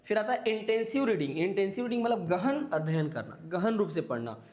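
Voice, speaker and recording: A man's voice: high-pitched, very animated, a little fast, darkish tone, in a large hall. A man teaching an exam-prep class, explaining step by step and checking in with his listeners. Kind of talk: classroom lecture.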